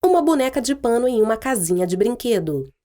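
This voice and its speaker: A woman's voice: a little high, sing-song, brisk, dark tone. A woman reading scripted audio description as narration for a children's show.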